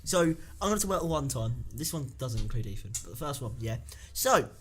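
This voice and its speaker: Lively young man telling stories. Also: mid-range voice, brisk, slight background noise. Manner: animated, laughing through his story. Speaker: podcast co-host. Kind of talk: casual storytelling chat.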